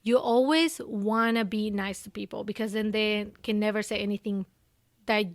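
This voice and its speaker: A woman's voice: mid-range voice, fairly even intonation, normal speed, dry recording, studio quality. A young woman from Ecuador with a Spanish accent, speaking English as her second language and chatting animatedly as an interview guest, full of "you know" and "like". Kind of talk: casual interview conversation.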